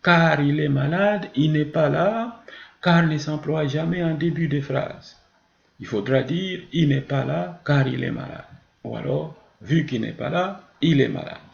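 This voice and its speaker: In a muffled recording with a roomy echo, a French teacher leads a grammar lesson. His voice sits on the high side and is gravelly, and he takes his time, explaining with examples and replying to his own questions.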